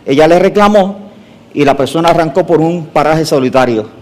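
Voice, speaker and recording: Middle-aged male pastor, slightly high voice, dramatic sermon storyteller. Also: normal speed. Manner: theatrical, animated storyteller.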